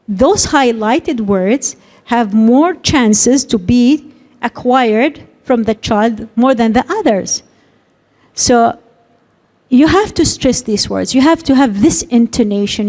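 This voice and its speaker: A woman speech and language consultant presents to a conference audience, her plain throughout. Her voice sits somewhat high with a soft, mellow tone. She keeps stopping to act out how a parent might talk to a child. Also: measured pace. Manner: explains with many acted examples of parent talk.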